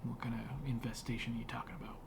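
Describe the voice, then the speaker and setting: A man voicing a gruff, weathered woodsman in a tabletop game, speaking curtly in a hushed, breathy voice. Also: medium pitch, level tone, quick pace, natural voice. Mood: gruff, suspicious. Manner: curt, folksy backwoods talk with swearing. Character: gruff, lean, weathered woodsman hostile to goblins. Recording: noisy room recording.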